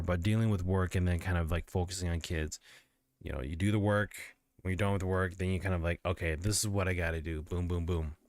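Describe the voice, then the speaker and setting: A sleepy, yawning livestreamer chats casually with viewers from his home gaming setup, rambling and using lots of fillers. His voice is deep and slightly mellow.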